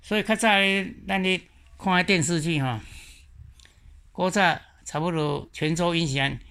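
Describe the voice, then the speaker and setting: A man with a Taiwanese accent giving an explanatory lecture, slowly repeating example words one at a time. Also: high-pitched, pushed and bright, clear, resonant tone. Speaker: teacher.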